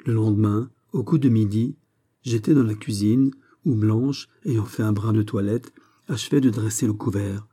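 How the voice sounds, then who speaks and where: Dark-voiced male reader of a story. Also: fairly low pitch, moderate pace, breathy edge. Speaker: audiobook reader. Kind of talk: literary narration.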